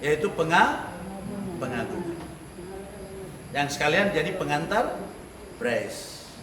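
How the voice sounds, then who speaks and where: A man teaching a church class on leading worship, lively, with rhetorical questions and frequent laughter. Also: on the high side, takes it slowly. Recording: echoey room, mic far off, noisy.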